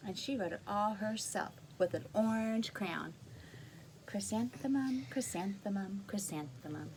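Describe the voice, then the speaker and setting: A woman reading a picture book aloud to young children, gently explaining words and adding asides. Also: mid-range voice, measured pace, a little hiss or hum.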